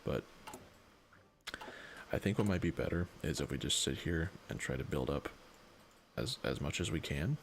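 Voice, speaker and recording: Tired male streamer, very low and creaky, rambling game talk with lively pitch swings. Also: moderate pace, pauses often, a little hiss or hum. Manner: tired, rambling, thinking aloud. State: exhausted. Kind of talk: casual strategy game livestream commentary.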